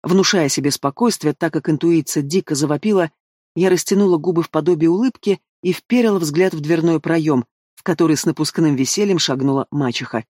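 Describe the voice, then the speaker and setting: Guy narrating a fantasy audiobook, kinda high voice, dry close sound. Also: fairly quick, dry recording. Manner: expressive storytelling. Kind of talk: scripted first-person narration.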